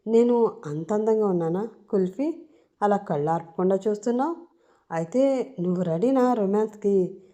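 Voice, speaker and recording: A woman's voice: medium pitch, moderate pace, lightly acted. A woman voicing a domineering young male rowdy killer who mocks and barks orders at his captive. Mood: teasing. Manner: commanding, mocking, loud barked orders.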